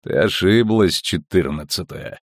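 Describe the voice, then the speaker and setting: A man's voice: sits low, no room sound, studio quality. Man voicing a cold metallic mocking spirit. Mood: sneering. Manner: slow, cold, sneering. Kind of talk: audiobook reading.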